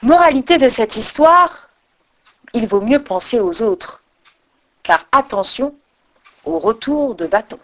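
A woman reading a folk tale aloud as a storyteller, expressive with dramatic pauses. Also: on the high side.

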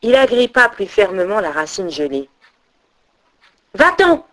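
A woman storyteller narrating a myth in an expressive, dramatic reading. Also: medium pitch, a little slow, vocal fry.

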